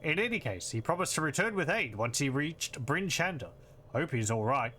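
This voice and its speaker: A man reading the part of a solemn fantasy-game villager in a measured storytelling way. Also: fairly high pitch, sing-song, sharp tone, a little hiss or hum. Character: solemn villager recounting mysterious disappearances.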